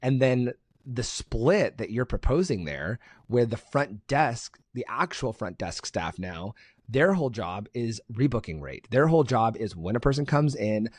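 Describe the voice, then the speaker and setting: A man hosting a podcast, speaking at a middle pitch in a close, dry recording. He chats casually and tells animated stories, acting out the people he quotes. His voice sits squarely in the middle range. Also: a little slow, dry recording. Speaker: podcast host. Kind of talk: casual interview chat.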